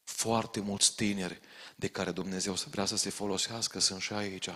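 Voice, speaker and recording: Male preacher with a low, deep voice, urgent and warning, recorded in a reverberant church hall. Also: little pitch movement, a bit bright. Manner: urgent, direct warnings to the congregation. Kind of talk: sermon.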